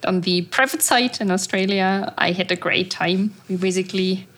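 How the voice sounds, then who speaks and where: A woman's voice: mid-range voice, normal speed, fairly bright tone. Cheerful woman podcast co-host. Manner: cheerful, breezy, laughs easily. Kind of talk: casual podcast chat.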